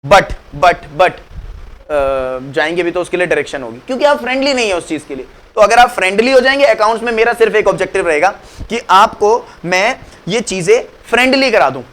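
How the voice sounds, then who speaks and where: This accounts teacher has a high, slightly bright voice and keeps his classroom lecture conversational, asking questions only to answer them himself. English phrases pepper his Hindi, and he affectionately refers to students as "beta."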